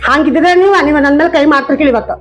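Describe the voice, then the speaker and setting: A woman's voice: high-pitched, rapid-fire, soft background music, close to an everyday voice. A woman with a North Karnataka Kannada accent playing an angry wife who left her husband, arguing and scolding in a comedy skit. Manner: scolding, argumentative. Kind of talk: village comedy skit acting.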